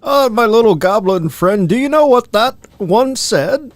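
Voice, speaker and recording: A man's voice: high-pitched, animated, a little slow, no room sound, voice pushed up. A man playing a paternal, slightly hesitant adventurer and healer in a tabletop fantasy game. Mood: protective. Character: fatherly adventurer healer calling companions lad.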